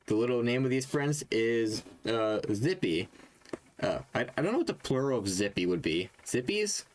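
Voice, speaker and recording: A man co-hosting a casual gaming podcast who talks haltingly, stumbling and restarting. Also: mid-range voice, sing-song, a little hiss or hum. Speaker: podcast co-host. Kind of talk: casual chat.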